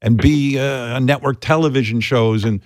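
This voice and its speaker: Animated, profane older man on studio radio. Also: on the low side, normal speed, dry recording. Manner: animated, profane, mock-indignant rants. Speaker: radio show host. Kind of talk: casual radio banter.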